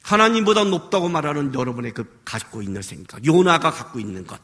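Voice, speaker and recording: Impassioned man preaching, high lively voice. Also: fast. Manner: impassioned, swings between shouts and hushed drops; acts out pleading prayers in quotes. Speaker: pastor. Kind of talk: sermon. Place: worship service hall.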